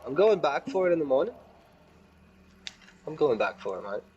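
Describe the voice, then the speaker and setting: A man's voice: a little high, very animated, normal speed, darkish tone, dull audio, slight background noise. A man chatting casually as a player in a tabletop role-playing game, speaking in character.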